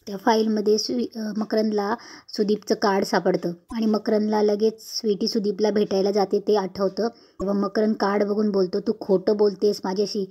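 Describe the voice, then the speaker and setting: A woman's voice: mid-range voice, flat delivery, normal speed, dark tone, slightly rough. A woman narrating a casual recap of a TV serial episode, linking each line with plain storytelling. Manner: plain storytelling, repeated "then she says" links.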